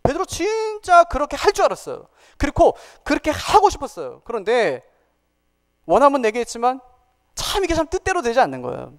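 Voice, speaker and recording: A man's voice: extremely high pitch, wildly swooping pitch, fairly quick. A man in his forties, a pastor, preaching a sermon. He asks the congregation questions and acts out the lines he quotes. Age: 40s.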